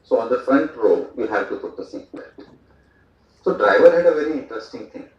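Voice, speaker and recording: A man's voice: mid-range voice, animated, brisk. A man from India giving a conversational speech at a port event, with fillers and asides. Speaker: speaker at a port day event. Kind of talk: public speech with anecdotes. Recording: echoey hall, voice from far off, dull sound.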